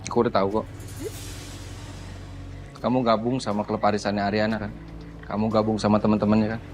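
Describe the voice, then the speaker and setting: An actor in a TV soap playing a husband who speaks in a worried, hushed, reassuring way. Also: male voice, on the low side, level tone, fairly quick, music in the background, close to an everyday voice.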